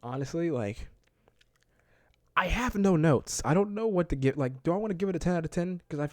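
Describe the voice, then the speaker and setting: Excited rambling man reviewing a movie. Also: on the high side, no room sound, clean studio sound. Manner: enthusiastic, loose and rambling, laughs often; filler-heavy, keeps saying "like" and "man". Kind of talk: casual movie review vlog.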